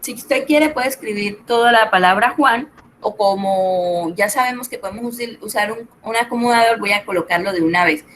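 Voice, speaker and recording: A woman's voice: mid-range voice, moderate pace, fairly bright tone, slight background noise, low-quality recording. A middle-aged woman, tutoring an online spreadsheet class, explaining step by step and checking in with her students. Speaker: Excel tutor.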